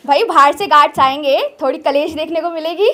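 This young woman's high voice is brisk with a sharp tone. She's a stand-up comedian at a small indoor open mic, holding the mic and using repeated phrases for emphasis in her conversational, observational set.

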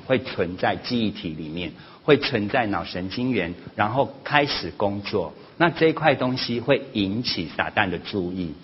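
A man giving a sermon-style parenting lesson at church, animated, often acting out family quarrels in a raised voice. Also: lowish voice. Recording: slightly dull lo-fi recording with faint noise.

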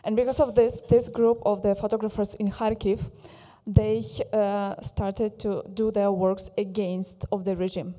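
A woman presenting in halting, non-native English full of fillers, pausing for an interpreter. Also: mid-range voice, flat delivery, mellow. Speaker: presenting speaker on photography. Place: large hall. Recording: long hall reverb.

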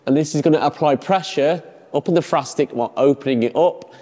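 A man's voice: fairly high pitch, fast talker, warm tone. A young man working as a rehab coach, giving hands-on instructions in casual language. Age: young adult. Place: large hard-floored gym, indoors. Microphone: clip-on lapel mic. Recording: reverberant hall-like room.

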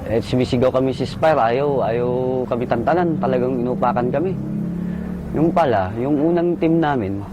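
A man, a soldier, recalling a firefight in short halting bursts and military jargon. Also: mid-range voice, muffled recording, background noise. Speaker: soldier recounting combat. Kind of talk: casual spoken recollection.

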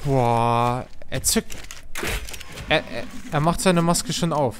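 A man narrating his game run with an unhurried, drawn-out delivery, calling out to the animals on screen and reacting loudly when things go wrong. A faint hiss of noise sits under the voice. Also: medium pitch. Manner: excitable, talks to the game creatures. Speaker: gaming streamer. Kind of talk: let's play commentary.

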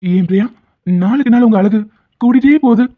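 A woman's voice: on the high side, normal speed, natural voice. Woman voicing a flirty cartoon husband, tinny. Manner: flirtatious, defensive explaining. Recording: tinny phone-like sound.

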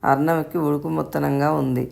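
Creaky-voiced woman reading a story. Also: deep voice, a little fast. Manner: steady reading. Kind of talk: scripted story narration.

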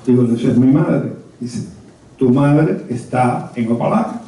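In a conference room, a Cuban man from Havana, aged seventy or more, recalls his past for a small group, telling it slowly and haltingly. His mid-range voice comes across very dark and muted. Though he speaks into a handheld mic, a faraway camera captures it, leaving the sound drenched in echo and muffled.

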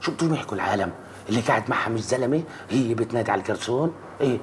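A man's voice: mid-range voice, animated, rapid-fire, a little hiss or hum, natural voice. A man playing a nagging, jealous husband. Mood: scolding. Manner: nagging, scolding, quarrelsome. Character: bossy jealous middle-aged husband. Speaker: husband in a comedy sketch. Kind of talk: sketch comedy acting.

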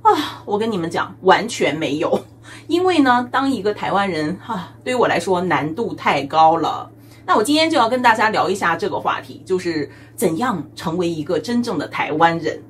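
A woman's voice: lowish voice, very animated, moderate pace, a little hiss or hum. A woman from China, doing a chatty, teasing comedic monologue as a vlogger and laughing often. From mainland China.

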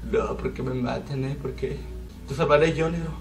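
A man's voice: fairly high pitch, a little slow, vocal fry, faint music behind. Young Mexican man chatting over gameplay. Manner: rambling, joking, exclaims at the game. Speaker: gaming video creator. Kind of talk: casual gameplay commentary. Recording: distant mic with faint background noise.

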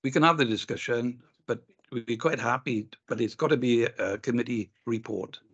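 A councillor presses his point firmly, his voice gravelly and rough. The sound comes through dull and muffled, as if from a chamber microphone. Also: medium pitch, brisk. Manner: firm and insistent. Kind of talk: formal meeting debate.

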